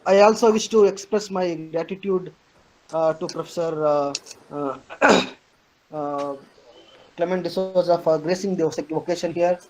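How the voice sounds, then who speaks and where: A man, a professor giving a formal, halting vote of thanks over a video call. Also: on the high side, a little mellow, poor audio. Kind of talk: formal webinar speech.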